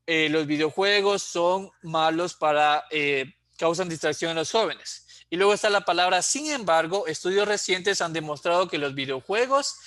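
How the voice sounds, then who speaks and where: Male tutor, bright slightly high voice, patient, dry close sound. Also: no room sound. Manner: explains patiently, checks in with a frequent "¿sí?". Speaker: teacher. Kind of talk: exam prep lecture.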